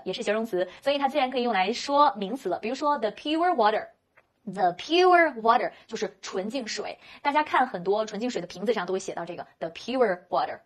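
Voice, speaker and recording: A woman's voice: fairly high pitch, fairly bright tone. Woman teaching English vocabulary. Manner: slow, drawn-out model pronunciations of English words; rhetorical questions to the learner, then answers them. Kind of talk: vocabulary lesson explaining words and pronunciation.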